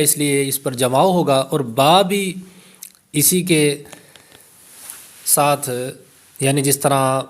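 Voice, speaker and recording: A man with a Pakistani Urdu accent, his voice sitting a little high for a man, teaches Quran recitation for beginners. He rattles through rules for each letter, then stretches every word out in careful, slow recitation. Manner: slow drawn-out recitation of single words between quick explanations. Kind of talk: tajweed lesson, explaining then reciting words slowly.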